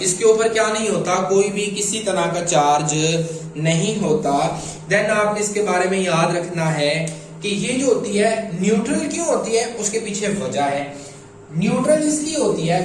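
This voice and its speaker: A man teaching chemistry at a whiteboard, slowly repeating points and answering his own questions. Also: high voice. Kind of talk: whiteboard lecture. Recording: very echoey room, faint ambient noise.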